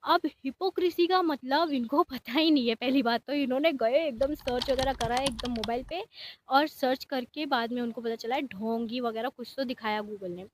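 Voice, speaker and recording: A woman's voice: sits high, normal speed, a little hiss or hum. A young woman telling a storytime vlog in a casual, exasperated way, often quoting others sharply and mixing in English words. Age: young adult. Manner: animated, exasperated, mixes English words into Hindi.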